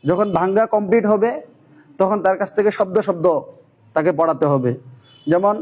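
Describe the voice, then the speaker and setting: A man, a madrasa teacher giving a methodical, steady lesson on reading the Quran. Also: sits high, dull audio. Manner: chants Arabic syllables slowly and loudly when demonstrating. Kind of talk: instructional talk on Quran reading.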